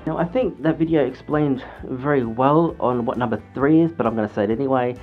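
A man's voice: medium pitch, brisk. Man, muffled through a fursuit head, earnest lecturing vlog, dull lo-fi sound. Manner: chatty, earnest, lecturing with restarts. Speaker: fursuit vlogger. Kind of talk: casual advice vlog. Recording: dull lo-fi sound with faint music.

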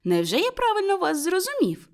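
A woman voicing a cheerful, warm-hearted young man who talks eagerly and excitedly in a storybook. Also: very high-pitched, brisk, pitched above the performer's own voice, exaggerated voice.

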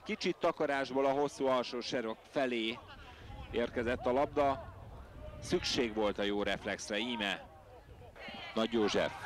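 A man giving live football match commentary in an excitable manner. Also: medium pitch. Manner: excitable, voice leaps on big moments. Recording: noisy outdoor match broadcast.

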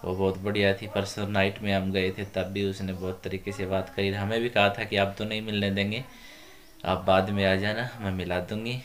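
Flat low-voiced man. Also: moderate pace. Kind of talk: casual chat.

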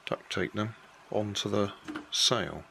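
A man's voice: on the low side, slow, gravelly, bright, forceful tone, slight background noise. An older man casually walking through a hobby build at a kitchen table, explaining each step plainly and unhurriedly, correcting himself as he goes.

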